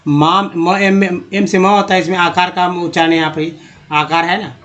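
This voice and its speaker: A man teaching English reading, slowly and patiently sounding out words one by one. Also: sits high, level tone, a bit bright, muffled recording. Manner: slow, patient word-by-word drilling.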